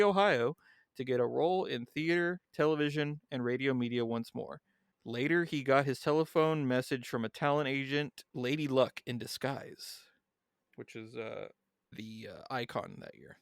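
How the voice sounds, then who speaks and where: A man's voice: mid-range voice, clean tone, dry recording, studio quality. A man co-hosting a podcast in a casual chat, reading background notes aloud and then chatting loosely. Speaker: podcast co-host.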